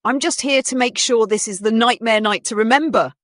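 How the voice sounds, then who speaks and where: Showy, laid-back pony musician, as a woman puts him on; lifted and bright. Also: on the high side, brisk, no room sound, clean studio sound, voice pushed up, close to an everyday voice. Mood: easygoing.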